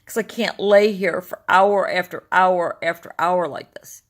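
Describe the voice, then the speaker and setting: This older woman's voice is deep and gravelly in a smoker-like way, the sound of a tired morning after too little sleep. She talks candidly and unhurriedly, rambling on in her personal video diary as a vlogger.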